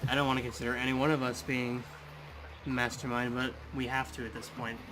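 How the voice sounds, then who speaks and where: A man playing in an online role-play, talking casually, thinking out loud and swearing now and then. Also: mid-range voice, little pitch movement, a little fast, over music. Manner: casual, reasoning aloud, swears. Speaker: player.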